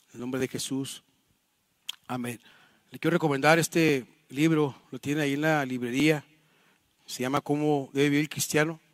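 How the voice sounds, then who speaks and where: A man's voice: medium pitch, no echo. A man preaching an earnest sermon in a church, often calling the listeners brother and repeating words as he restarts.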